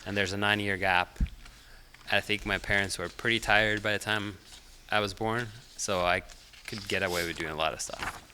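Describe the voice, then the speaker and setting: A middle-aged man from Finland, a podcast guest whose first language is Finnish, chatting in a relaxed, hesitant way with many fillers. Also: fairly low pitch, normal speed, slight background noise. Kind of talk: casual interview chat.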